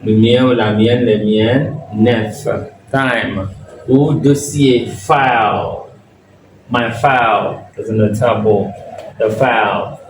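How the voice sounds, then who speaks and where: A man teaches pronunciation at a very slow, deliberate pace, repeating each example word. He sounds set back from the mic in a reverberant room. A faint hiss of ambience sits behind him. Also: fairly low pitch, fairly even intonation. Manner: slow, drilling words one by one with repetition. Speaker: English teacher. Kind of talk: bilingual pronunciation lesson. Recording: echoey room, mic at a distance, faint background noise.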